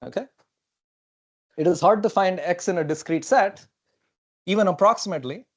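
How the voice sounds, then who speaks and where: His voice sits high and he keeps a moderate pace as he talks through a technical seminar at the whiteboard of a lecture hall. The young man, whose first language isn't English, wears a clip-on lapel mic and thinks aloud in a casual way, with many okays and fillers.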